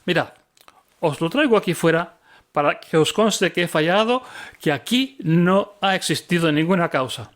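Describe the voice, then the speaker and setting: A man voicing a stern Roman governor in a Bible reading, questioning slowly and with emphasis. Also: fairly high pitch, expressive, natural voice.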